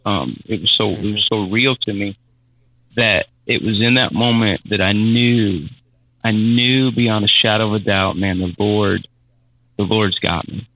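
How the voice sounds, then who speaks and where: Low-voiced man sharing a faith testimony. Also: fairly even intonation, phone-quality sound. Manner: halting, repeats words, Southern-style casual phrasing. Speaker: podcast guest. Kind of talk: emotional personal testimony.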